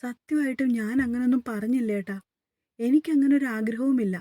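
A woman voicing a shy, timid young wife who speaks softly and pleads, in a story read aloud. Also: on the high side, brisk, dry recording, natural voice. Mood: pleading. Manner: pleading, soft-spoken.

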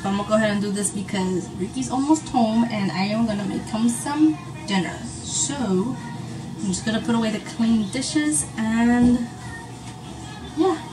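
A woman's voice: on the high side, a little slow, poor audio. Chatty young woman vlogging at home. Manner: chatty, rambling with many fillers. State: tired. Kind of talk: casual day-in-the-life vlog. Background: soft background music.

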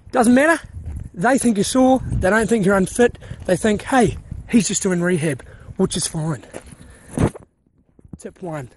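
A young man talking to his phone on a hill walk, joking in a deadpan way as he walks. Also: high-pitched, slow, pauses often, a little hiss or hum. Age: young adult. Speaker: vlogger. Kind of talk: casual walking vlog. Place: outdoors on a hill walk in a park. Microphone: phone at arm's length.

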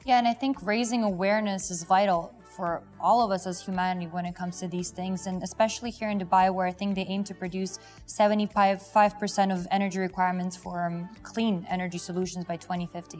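Fast-talking upbeat young woman interviewer. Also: lowish voice, fairly even intonation, darkish tone, faint music behind. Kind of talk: scripted interview questions. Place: exhibition pavilion indoors. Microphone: lapel.

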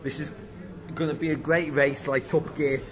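A man's voice: a little high, level tone, moderate pace, poor audio. A man hosting a casual pub-crawl vlog, rambling and joking as he rates each pub after a long day of drinking. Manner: jokey, rambling, tipsy reviewing. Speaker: vlogger host. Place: busy London pubs and streets. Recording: loud crowd chatter behind. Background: pub crowd noise.

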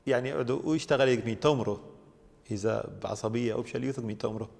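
A priest speaks quickly, laying out religious teaching in long, steady explanations. His voice has a gravelly, creaky edge. A long reverb trails behind him in the room. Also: medium pitch. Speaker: priest guest.

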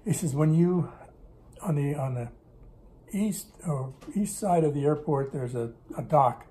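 An older man with a slightly high, expressive, mellow voice tells stories at a measured pace during a casual interview at his kitchen table. He recalls doing business in Russia, rambling and correcting himself, picked up by a camera on the table in front, with slight background noise.

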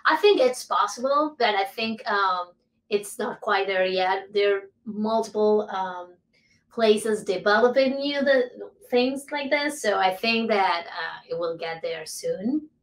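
A woman's voice: mid-range voice, expressive, unhurried, distant mic, rough recording. A woman presenting her research on a panel, hesitant and full of fillers. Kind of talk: panel discussion.

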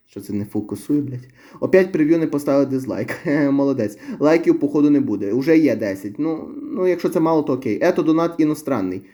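A man's voice: mid-range voice, dark tone. A young man, chatting casually as a vlogger while reading viewer comments, rambling and wry. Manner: chatty, rambling, wry about his own channel.

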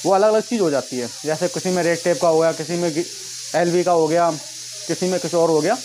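Speaking fairly quickly, a slightly high-voiced man in his 30s, a vlogger and shoe seller, runs through a casual sales pitch to camera, calling his audience friends and repeating fillers. He's recorded indoors on a lapel mic in a tiled room at home with stock boxes, amid noticeable background noise and clicks.

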